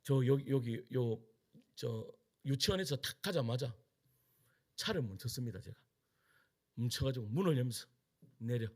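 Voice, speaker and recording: A middle-aged male pastor with a Gyeongsang Korean accent, preaching a sermon in an animated storytelling way and acting out quotes. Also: medium pitch, moderate pace, long pauses. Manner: animated storytelling with acted-out quotes and frequent laughter. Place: church sanctuary.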